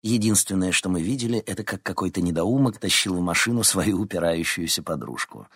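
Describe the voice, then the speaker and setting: A man's voice: low-pitched, animated, brisk, fairly bright tone, breathy edge, no room sound, studio quality, heavily acted. A man voicing a cold, calculating female TV reporter who talks in a mocking tone.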